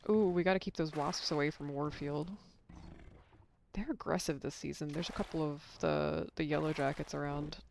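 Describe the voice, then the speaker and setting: A young adult streams a game and rambles to chat in a loose, casual way, with some swearing. The voice is mid-pitched and full of gravelly fry. They are losing their voice, and faint background noise sits under it. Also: fairly even intonation, normal speed, darkish tone, low-quality recording. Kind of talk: casual live-stream chat while gaming.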